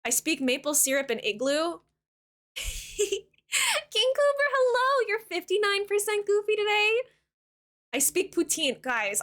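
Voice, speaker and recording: A woman's voice: extremely high pitch, a bit bright. A young woman from Canada chatting casually with her viewers while live-streaming a game, bubbly and giggly.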